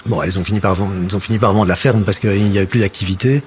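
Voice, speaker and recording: He talks at a racing pace, his lowish voice fairly even in intonation, with a little hiss or hum in the recording. The speaker is a Belgian actor and puppeteer in his fifties from near Brussels, whose French has a slight Flemish tinge. As an interview guest in casual conversation, he reflects, hesitating often and restarting sentences.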